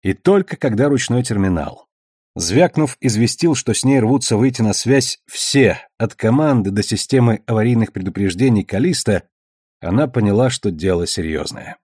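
A man narrating a novel as an audiobook reader, in an even, measured way. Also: on the low side, breathy edge, dry recording, studio quality.

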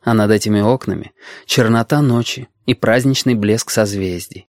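A man reading an audiobook aloud in a calm, measured storytelling manner. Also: fairly low pitch, dry recording, studio quality. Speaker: audiobook narrator.

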